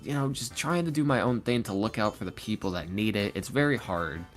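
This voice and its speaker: As a guest on a podcast, this ASMR roleplay creator speaks fairly quickly with lively intonation and a fairly low pitch. The casual, candid interview has him earnest, confiding and poking fun at himself, with soft background music.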